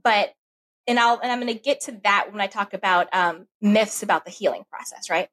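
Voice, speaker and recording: A woman talking as a podcast guest, candid and animated, giving advice and telling personal stories. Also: medium pitch, fairly quick. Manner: animated, acts out her inner voice when telling stories.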